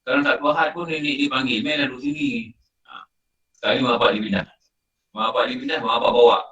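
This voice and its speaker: In a lo-fi, roomy recording made at a distance from the mic, a middle-aged man with a Malaysian Malay accent teaches religion informally. His medium-pitched voice is bright and forceful, and he moves at a quick pace. He tells stories conversationally, repeating himself many times.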